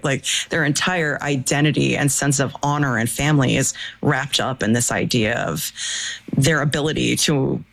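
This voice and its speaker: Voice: mid-range voice, creaky, fairly bright tone, low-quality recording. An interviewer asking long, thoughtful, analytical questions in a conversational tone.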